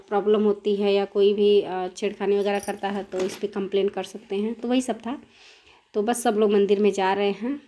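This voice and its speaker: Her throat a little sore and coughing now and then, a woman from India chats through a separately recorded voice-over for her travel vlog about a temple visit. She uses many fillers, speaking in a mellow, mid-range voice.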